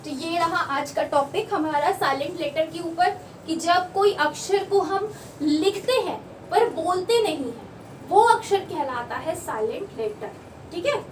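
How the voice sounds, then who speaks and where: A woman teaching a lesson, explaining slowly, repeating words and checking that students follow. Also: extremely high pitch. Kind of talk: classroom lesson. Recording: echoey room, voice from far off, faint background noise.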